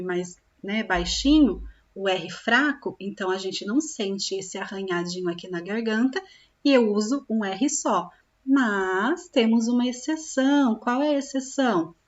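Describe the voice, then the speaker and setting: A woman teaching young children, slowly drawing out syllables and often checking in with them. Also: on the high side, highs cut off. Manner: slow, drawn-out sounding of syllables, with frequent check-in questions. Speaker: primary school teacher. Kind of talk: recorded classroom lesson for young children.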